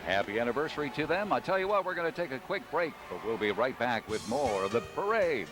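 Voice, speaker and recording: An American man commentates on a parade as a live co-host. His mid-pitched voice moves between reading copy and jokey banter. Music plays strongly behind him out on the street. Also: very animated, fast talker. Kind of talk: live parade broadcast commentary, scripted copy mixed with ad-libs.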